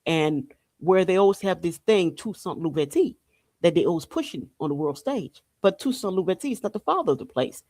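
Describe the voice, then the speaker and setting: Lively intonation and a brisk pace mark this Haitian podcast host's lowish, slightly mellow voice. Her informal spiritual and political monologue is emphatic and repetitive, dotted with rhetorical questions, and there's no room sound.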